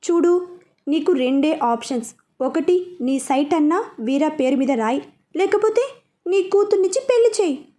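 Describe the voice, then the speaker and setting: A woman's voice: high voice, lively intonation, normal speed, dark tone. A woman voicing a swaggering male gangster who taunts and threatens in a boastful manner. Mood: threatening.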